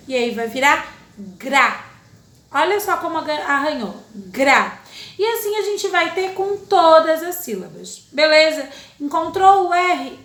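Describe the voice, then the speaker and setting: Brazilian teacher lady, sing-song and patient with the kids, high voice, kinda echoey room. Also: fairly bright tone. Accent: Brazilian Portuguese. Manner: patient, sing-song teacher talk, stretches syllables to demonstrate. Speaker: primary school teacher. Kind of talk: recorded online lesson for children.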